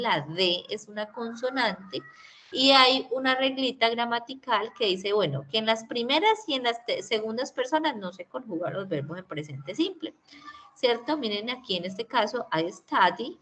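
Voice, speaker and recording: A woman with a Colombian Spanish accent teaching English in an online class, explaining in Spanish and saying English examples slowly. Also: medium pitch, fairly bright tone. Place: video call recording.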